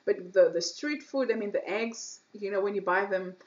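A woman's voice: mid-range voice, moderate pace, highs cut off. A woman with a Kenyan accent giving casual, effusive vlog commentary and explaining street food as a guide.

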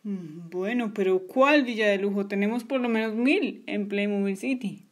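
A woman voicing a tired, skeptical male police officer in a toy story, talking low and doubtfully. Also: moderate pace, lightly acted. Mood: weary.

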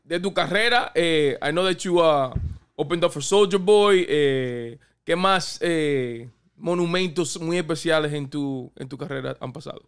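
A man's voice: on the high side, measured pace, clean tone. A man hosting a podcast, asking questions in an easygoing way and switching into English. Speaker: podcast host. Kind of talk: casual podcast interview.

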